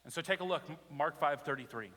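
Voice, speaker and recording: A man's voice: on the high side, fast talker, fairly bright tone, long reverb tail. A man preaching a sermon as a pastor, telling stories animatedly and asking the congregation rhetorical questions. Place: church sanctuary.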